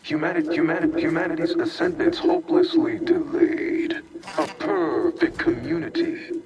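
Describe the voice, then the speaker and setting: A man voicing a malfunctioning corporate archive AI that stutters and repeats syllables as it glitches, speaking in a grandiose sales pitch. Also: big pitch swings, normal speed, vocal fry, recorded from a distance, muffled recording, heavily acted. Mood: glitching. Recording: game audio over loud ambient noise.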